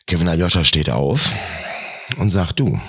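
A man tells a comic story in a wry tone and slips into the characters' voices. His voice is very low and strongly husky. The recording is dry and close, with no room around it. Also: lively intonation, unhurried, a bit bright, no echo. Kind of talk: comedic storytelling.

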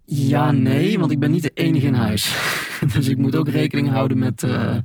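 A man whose voice has been run through a deep pitch-shift filter to keep him anonymous. The altered voice comes out flat in intonation and somewhat husky. He talks in a measured, careful way, explaining things step by step. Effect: voice disguised with a deep pitch shift. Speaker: government hacker interviewed anonymously. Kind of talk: interview answers, explaining plainly.

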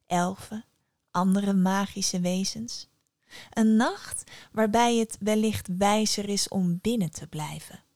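A woman narrating a folk tale in a hushed, dramatic storytelling manner. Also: medium pitch, no echo, clean studio sound.

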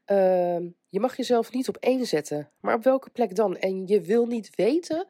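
Mellow congested woman podcaster with a cold. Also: medium pitch, animated, normal speed, dry recording, clean studio sound. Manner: chatty, hesitant, breaks into small laughs. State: getting over illness, stuffed up with a cold. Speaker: podcast host. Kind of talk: casual solo motivational podcast talk.

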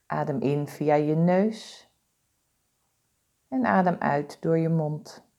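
Slow calm woman doing a body scan meditation, lowish soft-edged mellow voice, lots of pauses. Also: creaky. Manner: slow, calm, soothing, deliberate instructions with pauses. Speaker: guided meditation instructor.

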